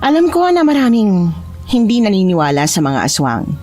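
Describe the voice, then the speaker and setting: A woman narrating a true horror story in a measured, solemn storyteller's style. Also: mid-range voice, sing-song, darkish tone, soft background music.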